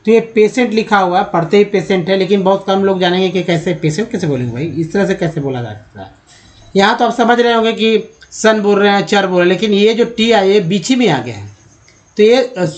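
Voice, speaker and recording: A man with a high voice gives a relaxed spoken lesson on letters and sounds. He explains step by step, pausing and filling gaps as he goes, and calls his viewers friends. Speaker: English teacher.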